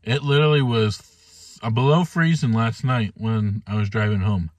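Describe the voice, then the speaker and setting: Sitting in his car, a food vlogger in his thirties talks casually to the camera between bites of a mukbang. His voice is on the low side, steady and at normal speed, recorded without echo by a phone or camera at arm's length.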